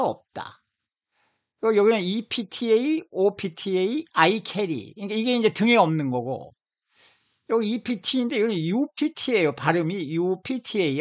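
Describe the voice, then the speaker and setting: A man from Seoul lectures in an informal video, his pitch rising and falling in a lively way. He is emphatic and keeps repeating single words and drawing them out slowly. The audio is dull and lo-fi. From Seoul, South Korea. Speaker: lecturer on language origins.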